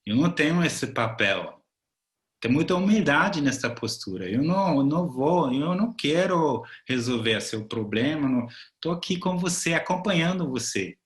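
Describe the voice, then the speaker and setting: A man tutor teaching a seminar on empathic listening, calm and reassuring, thinking aloud as he talks. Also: a little high, normal speed.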